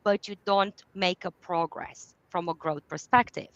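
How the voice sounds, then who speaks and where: A woman's voice: on the low side, steady tone, a little slow, no echo, lo-fi sound. A woman in her thirties from Romania with a Romanian accent, a business coach speaking as a guest on a podcast, laughing often. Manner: warm, laughs often, non-native phrasing. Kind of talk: podcast interview.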